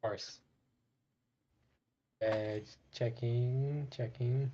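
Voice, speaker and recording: A man's voice: mid-range voice, steady tone, drawn-out words, warm tone, highs cut off, slight background noise. A man playing a tabletop role-playing game, talking casually through his moves. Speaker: player in a tabletop RPG.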